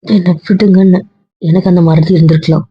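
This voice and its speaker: A woman's voice: lowish voice, fairly even intonation, a little fast, breathy edge, dry recording, dull audio. A woman playing a hurt young wife who answers curtly, then pleads with her husband. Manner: curt, pleading.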